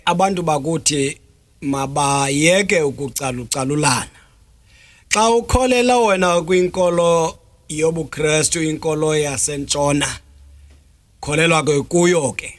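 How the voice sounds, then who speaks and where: A South African man speaks with a Xhosa accent in a fairly high-pitched voice. He explains as a guest in an interview, deliberate and often pausing on hesitation sounds. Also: a bit bright. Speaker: traditional healer interview guest.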